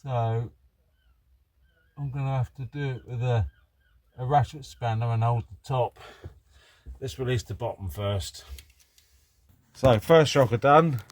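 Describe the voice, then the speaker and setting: A man's voice: mid-range voice, unhurried, pauses often, darkish tone, no echo. A British man chatting casually and thinking aloud in a rambling, matter-of-fact way as he narrates hands-on repair work. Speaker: vlog host doing DIY car repairs. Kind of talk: casual chat and work commentary.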